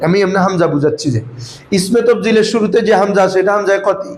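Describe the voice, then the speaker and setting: A man's voice: sits high, fast talker, poor audio. A man teaching Arabic grammar to a class, often quizzing his students and calling them "baba". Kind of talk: classroom lesson.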